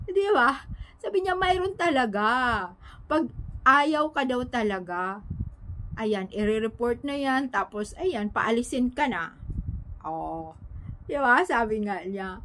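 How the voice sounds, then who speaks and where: A woman's voice: on the high side, animated, takes it slowly, long pauses, a bit bright, slight background noise, rough recording. A woman chatting casually to her viewers, retelling hearsay and asking them for agreement. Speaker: showbiz gossip vlogger. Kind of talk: casual gossip commentary to viewers.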